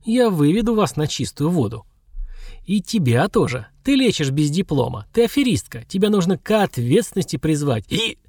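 A man's voice: fairly high pitch, very animated, normal speed, a little mellow, no room sound, studio quality, pitched above the performer's own voice. A man voicing a drunken, hulking village woman who screeches hateful accusations. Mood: drunken screeching.

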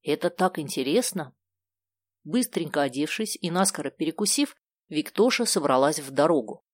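A woman narrating a children's book in a steady, clear storytelling manner. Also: low-pitched, moderate pace, no echo. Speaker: audiobook narrator. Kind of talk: scripted narration.

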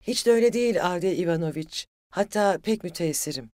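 A narrator voicing a reserved young gentlewoman who speaks in a measured, cool, formal way. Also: medium pitch, lively intonation, dry recording, clean studio sound, voice pushed up, natural voice.

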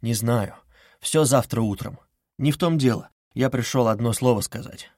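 A man's voice: medium pitch, normal speed, darkish tone, no room sound, clean studio sound, lightly acted. A man reading aloud, voicing a brooding young man who speaks gloomily and abruptly. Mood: gloomy.

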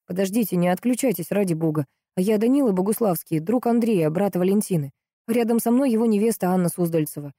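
A woman's voice: mid-range voice, mellow, no room sound, clean studio sound, lightly acted. Woman reading a flustered young man. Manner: hurried, puzzled.

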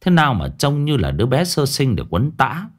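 A man narrating a ghost story in a lively, expressive way. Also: medium pitch, brisk.

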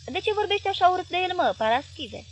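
A woman's voice: sits high, big pitch swings, slight background noise, voice pushed up. A woman voicing a sweet, coaxing wife. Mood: coaxing, pleading.

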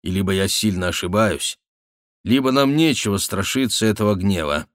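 A proud, passionate young nobleman, voiced by a male reader speaks with force and emphasis. The voice is somewhat low and recorded close and dry. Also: lively intonation, moderate pace, no room sound, natural voice. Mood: confident.

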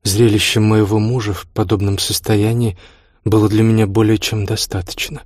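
A man's voice: on the low side, flat delivery, normal speed, darkish tone, no echo. Man reading a novel aloud, dry sound. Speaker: audiobook reader. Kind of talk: scripted narration.

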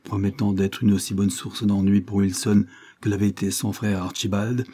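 A man reading a novel aloud as an audiobook narrator, in a measured, even way. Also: fairly low pitch. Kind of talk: scripted narration.

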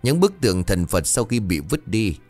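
Guy as a stern ghost-busting master, bossy, low voice. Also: sing-song, normal speed, darkish tone, faint music behind. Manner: stern, commanding. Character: stern middle-aged male exorcist.

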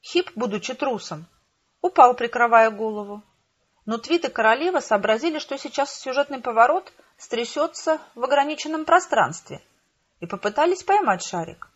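A woman narrating a first-person audiobook in a steady, expressive storytelling manner. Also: fairly high pitch, normal speed. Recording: slightly muffled home recording.

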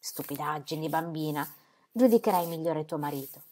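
A woman voicing a calm, caring older father who speaks gently and warns kindly, in an audiobook reading. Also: low voice, normal speed.

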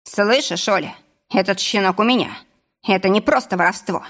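A woman reading a menacing male boss who threatens in a husky voice, mock-sweet at times. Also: medium pitch, moderate pace, fairly bright tone. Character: menacing middle-aged male boss, villain.

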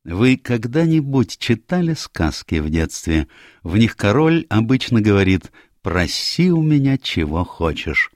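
A man's voice: fairly low pitch, big pitch swings, measured pace, no echo, studio quality, pitched above the performer's own voice. A man voicing a commanding, self-assured older detective in a read-aloud story, precise in manner. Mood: explaining. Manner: authoritative, precise.

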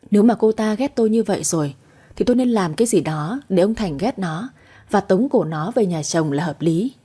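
A young woman narrating a dramatic story in the first person, in a calm, even manner. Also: medium pitch, breathy edge.

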